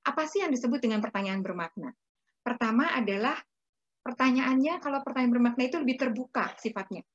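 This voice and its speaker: High-voiced woman giving a patient parenting talk. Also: lively intonation, brisk. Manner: patient, explanatory, tags sentences with "ya". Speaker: parenting speaker. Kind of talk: lecture to parents. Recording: slightly dull lo-fi recording.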